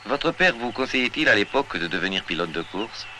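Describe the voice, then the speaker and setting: A man with a low, bright voice asks his interview questions with a lively rise and fall. His questions probe. The recording is old 1960s film sound with faint hiss. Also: a little fast. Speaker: reporter.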